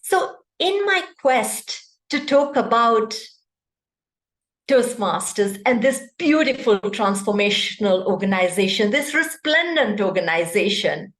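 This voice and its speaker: In an echoey room, a woman from Kenya gives a prepared speech to an online club meeting, keeping it interactive by often posing questions to listeners. She speaks slowly with a medium pitch, big pitch swings, and a fairly bright tone.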